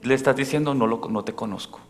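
Priest preaching in a reverberant church. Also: male voice, medium pitch, quick pace. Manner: questions the congregation directly, shifting from loud to soft.

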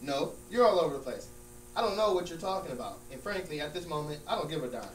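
A man's voice: a little high, animated, quick pace, natural voice. A man acting out a smug, exasperated friend who mocks and corrects emphatically in a comedy scene. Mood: fed up. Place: large room with small stage, indoors. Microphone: far camera. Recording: distant, echoey room with hum and noise.

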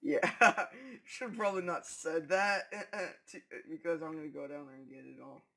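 A man's voice: a little high, fairly even intonation, normal speed, creaky, bright, forceful tone. A teenage boy hosting a gaming video, rambling and joking with friends on a headset mic. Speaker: gaming channel host. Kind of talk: casual gaming chat with friends.

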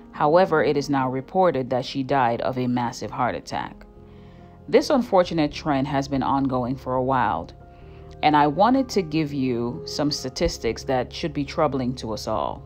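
A woman reading a serious scripted narration in a measured tone. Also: a bass voice, animated, faint music behind. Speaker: commentary vlogger.

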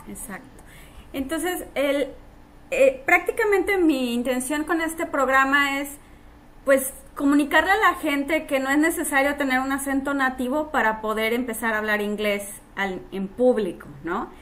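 A woman's voice: sits high, normal speed, fairly bright tone. A woman hosting an interview podcast, chatting in a friendly way with filler words. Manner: friendly, uses fillers like "este", laughs often. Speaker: podcast host. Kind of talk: casual interview.

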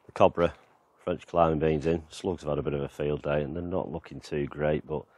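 Walking around his allotment and garden outdoors, a gardening vlogger speaks in a very deep, low voice, fairly quick, with no room sound. His casual tour is relaxed and rambling, full of ums and you-knows, shot on a handheld camera.

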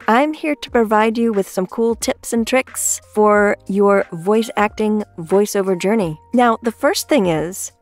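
A woman voice acting coach sharing tips in an upbeat, conversational way. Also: mid-range voice. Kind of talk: tips to camera.

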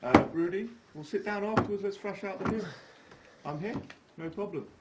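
A man's voice: high-pitched, heavy background noise. A man, a boxing promoter, pushing for a fight deal at a press conference in a pushy, upbeat, repetitive way. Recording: loud crowd around.

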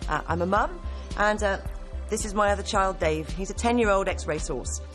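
A woman's voice: medium pitch, fairly quick, over music. A woman in her thirties from Somerset introducing herself as a contestant, friendly, with a few fillers. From Somerset, England. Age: 30s.

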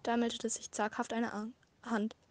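A woman with a fairly high voice reads a dark fan-written tale aloud. Her reading is measured and dramatic, with small slips. The sound is dry and close. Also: monotone, dry recording. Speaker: amateur audiobook reader. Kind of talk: scripted storybook narration.

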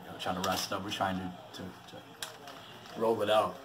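A man's voice: deep voice, little pitch movement, measured pace. A man vlogging casually to his phone camera, joking and talking straight to his viewers outdoors in a city. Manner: joking, laid-back, talks straight to viewers. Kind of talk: casual vlog talk to camera. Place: outdoors in a city, streets and park. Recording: noisy outdoor phone recording. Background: city traffic and street ambience.

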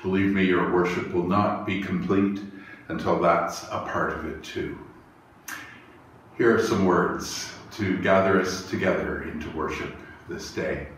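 A middle-aged church minister leads worship in a small chapel, reading poetry, prayers and reflections slowly and reverently. His voice is low with fairly even intonation. Recorded on a lapel mic, the sound is echoey, distant and carries a faint hiss.

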